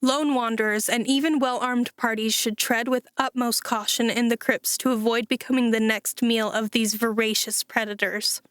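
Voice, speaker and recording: Woman reading as a slow mechanical dungeon voice. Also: on the high side, no room sound, studio quality, natural voice. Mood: ominous. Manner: slow, even, mechanical recitation. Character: dungeon system voice, impersonal and ominous. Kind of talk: audiobook character voice.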